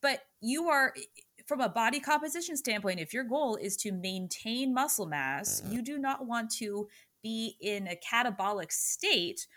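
Woman podcast host, bright forceful voice, conversational. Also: a little high, animated, a little slow. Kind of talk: podcast interview.

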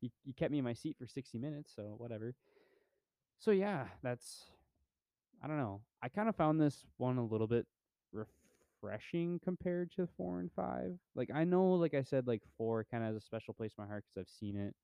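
This young man co-hosts a podcast and reviews movies in an easygoing, meandering chat full of fillers. His medium-pitched voice is expressive, gravelly, and warm, at a normal speed. The tone is clean, with no echo.

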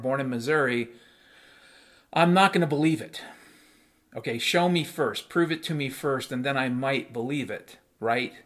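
A man's voice: mid-range voice, sharp tone. A middle-aged man delivering a blunt, profane monologue as a talk host, repeating phrases for emphasis. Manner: emphatic repetition for effect. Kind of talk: ranting monologue.

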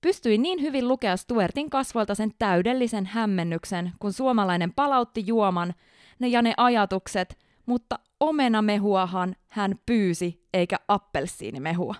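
A woman co-hosting a casual podcast as a flight attendant, telling stories in an animated way and laughing often. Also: medium pitch, clean tone, dry recording, studio quality. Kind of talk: casual podcast chat, reading listener stories.

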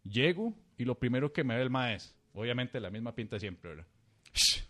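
A man's voice: mid-range voice, animated, a little fast. A man with a Costa Rican accent, a podcast co-host telling a rambling, self-mocking story in a casual, slangy way. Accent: Costa Rican Spanish.

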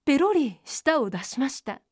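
A woman reads a children's folk tale aloud in a gentle, clear way, her voice high and bright. The sound is dry and close to the mic. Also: sing-song, moderate pace, dry recording. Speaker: storyteller. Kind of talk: children's storybook narration.

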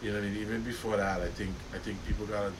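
A man in casual chat, rambling with lots of fillers and the odd swear word, recorded on a distant mic with loud wind noise. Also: on the low side, level tone, rapid-fire.

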